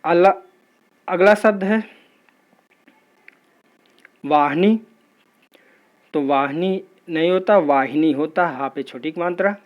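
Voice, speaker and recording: A man leads an exam-prep spelling lesson, going through each word in a steady, patient rhythm. His voice sits a little high for a man, and he drills the class in a methodical, even way. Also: slow, pauses often, dull audio. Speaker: teacher.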